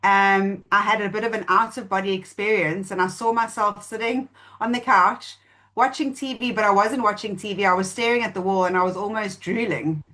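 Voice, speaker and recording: A woman shares her own story in a long, flowing account. She sounds earnest and moved, speaking at a middling pitch in an ordinary, natural voice. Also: steady tone, normal speed, pushed and bright. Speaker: testimonial speaker. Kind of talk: personal testimony at an online presentation.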